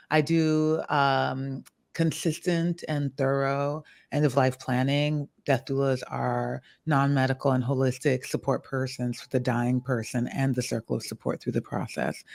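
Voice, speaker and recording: A woman in her forties from Ghana, a guest on a podcast interview, talking in a calm and reflective way. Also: rumbling low, vocal fry. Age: 40s. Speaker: guest, author and death doula.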